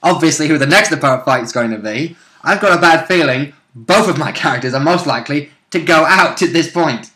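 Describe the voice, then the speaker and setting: A man chats casually as a player and co-commentator, hedging his guesses in informal speech that's sometimes sweary. His voice is fairly high and expressive, with a sharp tone, and he talks fairly quickly with few pauses.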